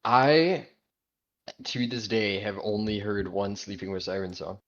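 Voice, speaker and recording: A man's voice: fairly low pitch, a little slow, a bit bright, dull audio. A man co-hosting a casual podcast, laid-back and jokey, swearing now and then. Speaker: podcast co-host. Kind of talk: casual chat.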